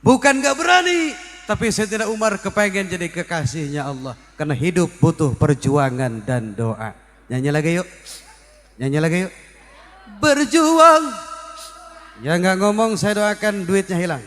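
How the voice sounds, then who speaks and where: High-voiced joking preacher in a hall. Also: male voice, animated, moderate pace. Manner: joking, teasing the audience with questions. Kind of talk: comic religious sermon to a crowd. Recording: reverberant hall, faint music.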